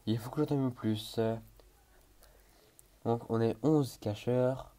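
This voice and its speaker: A man's voice: mid-range voice, slow pace, warm tone. A young man giving casual gameplay commentary, hesitant with many fillers, talking to himself and breaking into panicked exclamations. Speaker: gaming YouTuber.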